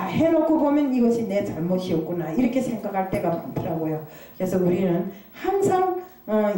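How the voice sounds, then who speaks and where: A woman's voice: on the high side, dark tone. A woman preaching a confessional sermon, asking rhetorical questions and hesitating often as she talks. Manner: confessional, self-critical. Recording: very echoey room, far from the mic.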